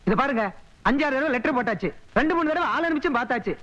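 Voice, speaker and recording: A man's voice: very high-pitched, expressive, racing, pushed and bright, exaggerated voice. An actor playing an aggrieved groom's father in a film comedy, complaining insistently. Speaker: groom's relative. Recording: dull lo-fi film audio.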